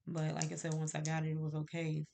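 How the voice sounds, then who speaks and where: Congested and nasal from a cold, a woman rambles to camera about her candle-making, full of fillers and little laughs. She speaks fast in a low, monotone, creaky yet mellow voice.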